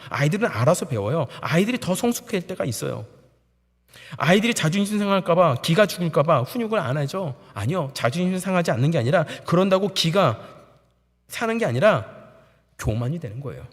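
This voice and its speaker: A man in his thirties preaches a sermon, his voice sitting a little high and rising and falling with lively animation. He acts out children and parents as he tells his stories. The sound carries the long reverb of a large church sanctuary. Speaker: pastor.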